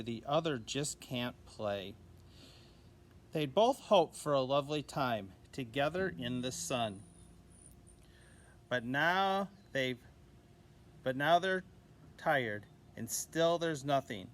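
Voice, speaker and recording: A man reading a children's picture book aloud as a teacher, gently and expressively, giving the dogs little voices. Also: medium pitch, lively intonation, a little slow. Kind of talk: children's storybook read-aloud.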